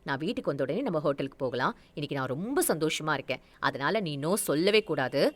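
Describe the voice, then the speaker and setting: A woman reading a story aloud voices a busy young wealthy man who talks in a hurried, brisk way. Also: low-pitched, expressive, pitched below the performer's own voice.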